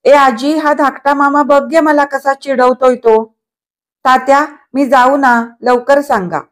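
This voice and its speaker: A woman voicing a lively, stubborn young girl who pleads and turns tearful, in a read-aloud novel. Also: high-pitched, measured pace, voice pushed up. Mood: teasing back.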